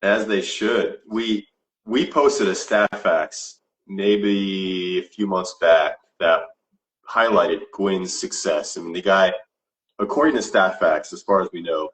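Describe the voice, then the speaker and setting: A man hosting a sports podcast, asking questions and reacting in a relaxed, enthusiastic way. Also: deep voice, low-quality recording. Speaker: podcast host. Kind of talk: casual interview.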